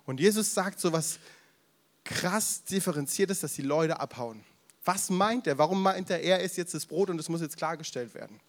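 A man's voice: on the high side, normal speed. A man preaching a casual youth sermon, retelling the story with slang, acting out the crowd's voices and breaking off for asides to the audience. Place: event room with audience, drinking beer.

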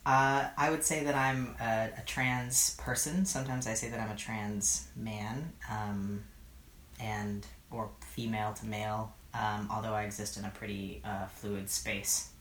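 A man's voice: fairly low pitch, flat delivery, fairly bright tone. Thirties guy from the east bay, hesitant and reflective, lots of ums, echoey apartment with a bit of hiss. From East Bay, California. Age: 30s. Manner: hesitant, thoughtful, many filler pauses. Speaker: oral history interviewee. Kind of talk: reflective interview answers. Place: his apartment. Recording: roomy apartment recording, faint noise.

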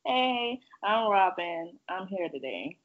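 A woman's voice: medium pitch, sing-song, slow pace. A woman co-hosting a casual podcast in a laid-back, wry way. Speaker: podcast co-host. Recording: dull lo-fi audio.

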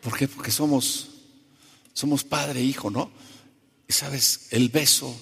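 A male preacher giving a sermon, conversational and animated, who keeps asking the congregation questions. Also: medium pitch, takes it slowly, creaky, husky. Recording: long reverb of a large hall.

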